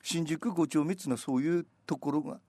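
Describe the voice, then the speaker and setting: A man in casual radio chat, telling stories with lively recitation of old rhyming verse. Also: on the high side, quick pace.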